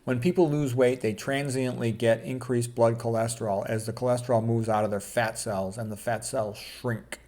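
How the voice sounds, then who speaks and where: A man's darkish, medium-pitched voice moves at a moderate pace with fairly even intonation and hardly any pauses. Lecturing informally as a doctor on health, he reads quotes and tacks on blunt, opinionated, everyday commentary.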